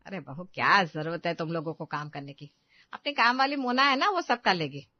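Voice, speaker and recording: A woman's voice: lowish voice, expressive, fairly quick, no echo. A woman voicing a fussy middle-aged mother-in-law. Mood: fussing. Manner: coaxing, scolding. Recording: dull dry lo-fi sound.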